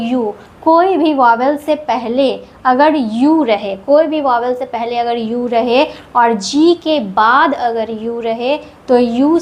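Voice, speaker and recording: Woman teacher, high-pitched and unhurried, patient step-by-step explainer. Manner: explains each rule patiently, repeating words. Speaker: English reading teacher. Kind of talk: slow step-by-step lesson.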